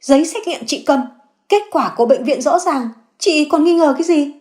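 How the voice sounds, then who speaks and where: A woman voicing a young mother caught in a lie, crying and begging forgiveness in a high, strained voice. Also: unhurried. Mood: flustered denial. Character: young mother caught lying, tearful, groveling.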